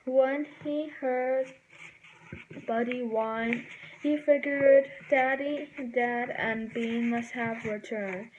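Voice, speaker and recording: A woman reading a children's book aloud, slowly and haltingly, sometimes stumbling over words and correcting herself. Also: on the high side, steady tone, darkish tone, lo-fi sound, slight background noise. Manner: slow, halting read-aloud with self-corrections. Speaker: reader.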